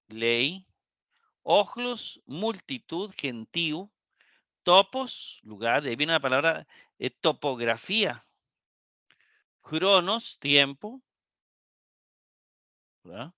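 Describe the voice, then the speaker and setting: Slow, bright-voiced man teaching Greek. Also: on the high side, no room sound, lo-fi sound. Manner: slow, syllable-by-syllable explanation with frequent "¿verdad?". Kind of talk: live online class.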